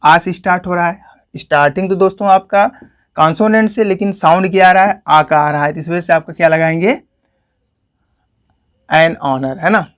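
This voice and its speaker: Man with a Hindi accent, a bit high-pitched, English grammar tutor who keeps asking and answering his own questions. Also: normal speed, long pauses, fairly bright tone, smooth. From India. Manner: repeats "friends" and asks questions he answers himself. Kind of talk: explanatory classroom lesson.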